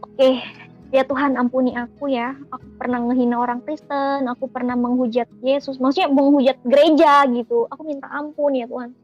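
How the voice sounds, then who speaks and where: A woman with a high voice shares a personal religious testimony in an earnest, emotional way. She speaks straight to her listeners as friends, and soft music plays faintly behind her. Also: flat delivery, fairly quick, highs cut off. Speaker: testimony giver.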